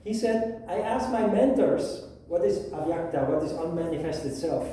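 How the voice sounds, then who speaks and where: A man teaching a yoga philosophy lesson, explaining at a whiteboard in a measured way with pauses. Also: a little high, expressive, mellow. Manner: slow, measured, with pauses and restarts. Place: room with a whiteboard. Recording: echoey room, mic at a distance.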